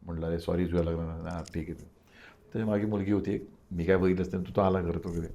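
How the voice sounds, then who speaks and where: Older man telling a lively story. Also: sits low, quick pace. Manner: animated storytelling, acting out quoted dialogue. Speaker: interview guest.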